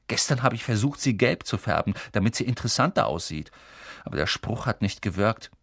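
A man's voice: lowish voice, animated, a little fast, gravelly, fairly bright tone, slightly rough, no echo, studio quality, exaggerated voice. A man voicing an awkward, gloomy eleven-year-old boy in an audiobook, mumbling and sheepish. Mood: chatty. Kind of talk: audiobook character voice.

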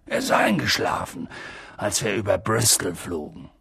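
A huge, soft-hearted half-giant with a deep, rough and gravelly voice, as a narrator puts him on. The voice is husky and dry, and the storybook delivery is unhurried. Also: male voice, no echo, full character voice. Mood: gruff. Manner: gruff, deep and rough, breaks into sobs. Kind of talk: audiobook character voice.

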